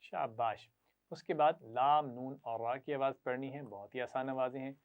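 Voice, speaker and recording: A man teaching children Quran reading, patiently sounding out syllables for them to repeat and praising them often. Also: mid-range voice. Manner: patient, repeats syllables slowly for pupils to echo; frequent praise. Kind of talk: classroom lesson to children. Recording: tinny phone-like sound.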